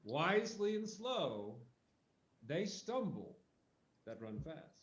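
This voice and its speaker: A man playing a cautious, wise older friar who gives slow, measured advice. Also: on the high side, very animated. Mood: counseling. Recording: echoey, dull, faint background noise.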